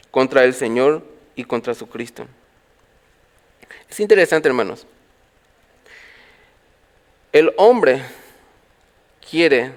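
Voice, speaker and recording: Higher-voiced man preaching a sermon. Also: clean tone. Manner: preaching with rhetorical questions to the congregation; swings from loud calls to quiet low phrases. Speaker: pastor. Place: church.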